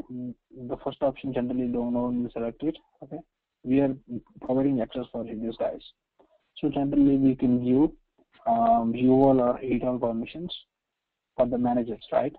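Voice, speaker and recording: A creaky, medium-pitched voice belongs to this Indian-accented software trainer, who explains a program step by step over a screen share. He stops and starts, repeats points, and keeps checking with "right" and "okay." The recording sounds slightly dull and lo-fi, with roomy echo.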